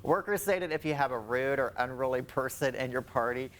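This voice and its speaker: A man's voice: mid-range voice, brisk, a bit bright. A man co-hosting a local morning TV show, reading news items and the weather forecast, often breaking into laughter.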